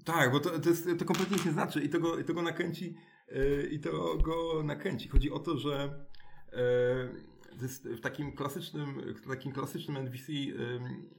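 A man, a school director, explaining his ideas in a conversational interview, halting with many restarts and tag questions. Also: mid-range voice, gravelly. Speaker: alternative school director, guest.

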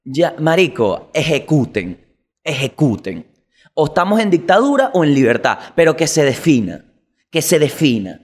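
A Venezuelan man hosting a comedic news show, with a voice sitting a little high. He talks in an animated, slangy way, full of curses. He jumps into quick mock voices. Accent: Venezuelan Spanish. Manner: animated, slangy, swearing, jumping into quick impressions.

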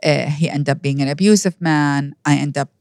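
A woman's voice: low voice, brisk, darkish tone, no room sound, clean studio sound. A woman, telling her life story as an interview guest, earnest and reflective with frequent restarts. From Iraq. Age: 50s.

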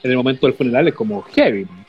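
A man's voice: medium pitch, lively intonation, very fast, highs cut off, faint music behind. A man with a Chilean accent co-hosting a casual podcast, laid-back and wry, full of slangy asides. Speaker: podcast co-host. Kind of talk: casual livestream banter.

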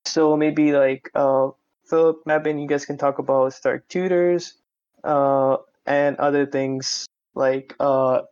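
A man's voice: mid-range voice, fairly even intonation, slow pace, darkish tone, clear, resonant tone. A man of about eighteen co-hosting a casual podcast, talking loosely with many likes and basicallys. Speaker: podcast co-host. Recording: dull lo-fi mic.

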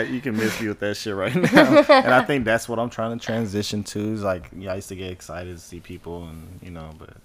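A young woman guest on a podcast, talking in a relaxed, rambling, slangy way and swearing freely. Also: very deep voice. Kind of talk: casual chat.

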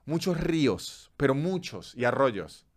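Un hombre venezolano con acento venezolano, presentador de podcast, contando datos en charla informal y pausada a ratos. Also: male voice, mid-range voice, very animated. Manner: chatty storyteller, slows down to list facts. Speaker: podcast host. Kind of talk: casual chat.

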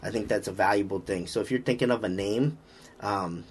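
Fairly quick and on the low side, the voice belongs to a Boston strength coach on a podcast who wanders through upbeat lifting talk with frequent fillers and restarted sentences. A faint hiss or hum runs underneath.

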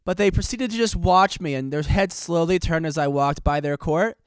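A man's voice: a little high, normal speed, smooth, dry recording, studio quality. A man in his late twenties hosting a podcast, telling a story in a rambling, self-deprecating, jokey way while slightly out of breath. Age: 20s. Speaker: podcast host.

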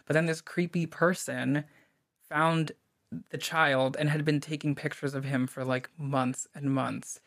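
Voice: medium pitch, steady tone, fairly bright tone, poor audio. A podcast co-host reading a creepy story aloud, then chatting casually and laughing often. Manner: laughs often, drawn-out emphasis.

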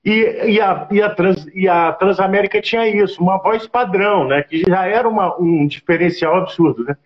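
A man hosting a casual interview, an animated storyteller who swears freely. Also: sits high, moderate pace. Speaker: podcast host. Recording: dull lo-fi sound.

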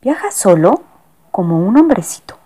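A woman voicing a doting, fussy lady passenger in a storybook reading, with a high cooing manner. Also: very animated, moderate pace, dark tone.

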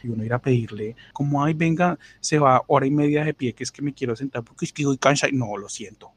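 A young Colombian man from Bogotá talks in a husky, slightly breathy voice. He tells his stories casually, with lots of slang and crude words. Now and then he slips into high-pitched imitations of the people he is describing. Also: steady tone, fast. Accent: Colombian Spanish, Bogotá. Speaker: podcast co-host. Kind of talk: casual storytelling chat.

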